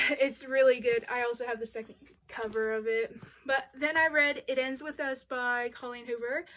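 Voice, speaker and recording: A woman's voice: on the high side, fairly bright tone. A young woman chatting casually about books she loves, gushing and full of "like" and "y'all". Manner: gushing, uses y'all and like often. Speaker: book vlogger. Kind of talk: casual book review chat.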